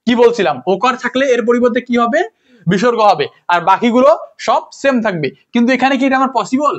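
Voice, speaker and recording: A man teaching a grammar lesson to students, repeating words, asking rhetorical questions and correcting his own slips. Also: very high-pitched. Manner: self-correcting, apologizes for slips. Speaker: grammar tutor. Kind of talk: informal classroom lesson, addressing students. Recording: dull lo-fi recording.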